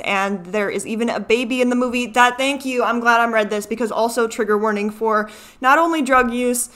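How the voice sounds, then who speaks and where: A young woman from Chicago, United States, hosts casual reaction videos with a Chicago American accent, her slightly high voice carrying a sharp tone as she rambles and breaks into her own thoughts. She records in a small furnished room at home, a desk microphone showing at the frame edge.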